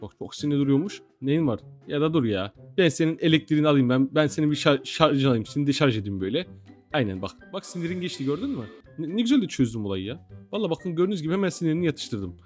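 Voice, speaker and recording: A young man in casual, joking gameplay commentary, teasing the game characters and talking straight to his viewers. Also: mid-range voice. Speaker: gaming YouTuber.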